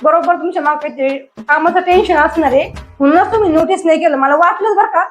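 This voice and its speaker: Brief: quick, high-voiced wife, scolding, faint music. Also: female voice, low-quality recording. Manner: scolding, complaining. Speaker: wife in comedy sketch. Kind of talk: scripted comedy sketch acting.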